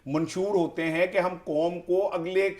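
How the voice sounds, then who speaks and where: A man's voice: high voice, fairly even intonation, darkish tone. A man giving heated political commentary as an analyst, speaking in an impassioned, rhetorical way and piling up questions.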